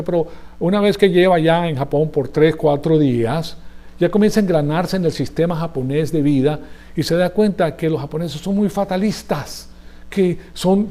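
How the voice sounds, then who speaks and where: A man preaches in Spanish in a chatty, teaching manner, often turning to his listeners to check they follow. His voice is mellow and soft-edged and sits slightly high for a man. His delivery comes across as that of a church sermon to a gathered congregation. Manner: conversational, asks the audience for agreement.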